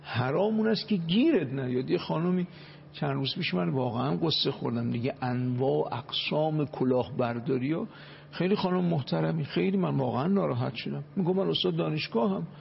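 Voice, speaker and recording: Gravelly-voiced man preaching with emphasis. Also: a little high, muffled recording, a little hiss or hum. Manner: preaching with dramatic acted quotes, rising to emphatic pleading. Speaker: cleric speaking on a religious talk show. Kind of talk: religious talk with Arabic quotations.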